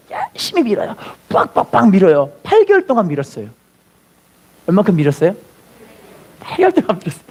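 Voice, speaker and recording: A man's voice: high voice, darkish tone, breathy edge. A man preaching a sermon as pastor, telling a story and acting out its voices, then leading the congregation to repeat after him. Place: church.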